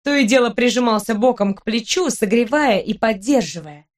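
A woman reading a first-person story aloud as audiobook narration, with expressive, lively delivery. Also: fairly high pitch, moderate pace.

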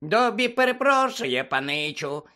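A man voicing a timid, eager male house-elf servant with a squeaky voice in an audiobook. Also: big pitch swings, a little slow, pushed and bright, exaggerated voice.

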